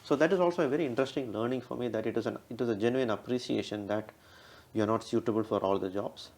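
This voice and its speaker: An interview guest with a heavy Indian accent talks fast while telling stories, ending many sentences with a questioning "right?" to check in. His voice is mid-range and a little mellow.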